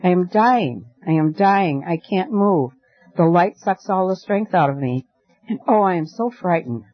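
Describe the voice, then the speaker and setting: A man's voice: high voice, animated, measured pace, no room sound, voice pushed up. A man reading a storybook aloud and voicing a frightened young girl who pleads in fear of the light. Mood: frightened pleading. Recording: dry, dull lo-fi recording.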